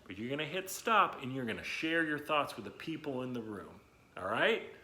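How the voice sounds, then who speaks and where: This is an adult, not young, man hosting a children's read-aloud lesson at medium pitch and normal speed. He keeps things animated and chatty, encouraging listeners with emphasis and questions.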